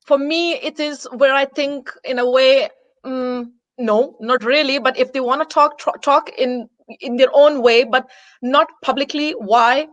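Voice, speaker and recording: A woman's voice: sits high, steady tone, measured pace, a bit bright, no room sound. A woman from Denmark, a guest in an interview, speaking earnestly and repeating words to press her points in conversation.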